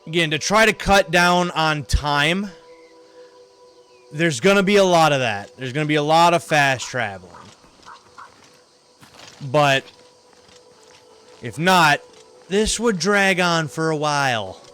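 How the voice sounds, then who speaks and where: A man's voice: fairly high pitch, lively intonation, slow pace, long pauses, pushed and bright, clear, resonant tone, soft background music. A tired man giving rambling gameplay commentary on a livestream, thinking aloud with many fillers, over a headset mic. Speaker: streamer.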